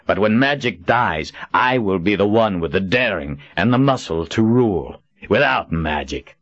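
A man's voice: lowish voice, animated, fairly bright tone, no echo, dull audio. A man voicing a grating, smirking tyrant emperor. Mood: contemptuous. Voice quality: grating, impudent. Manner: smirking, condescending, drawn-out words. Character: cruel, smug male emperor who mocks his captor.

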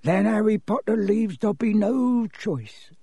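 A man's voice: sits high, animated, slow, warm tone, slightly rough, dry recording, studio quality, pitched above the performer's own voice, heavily acted. A man voicing a small, anxious and servile but stubborn male elf, pleading as in an audiobook. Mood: sad, resolute. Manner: pleading, refers to self in third person. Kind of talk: audiobook character voice.

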